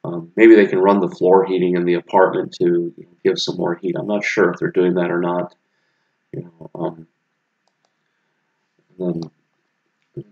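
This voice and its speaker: Talking over photos of his apartment renovation, a deep, flat-voiced American vlogger rambles through a laid-back narration in lo-fi sound. He fills it with ums and keeps starting over.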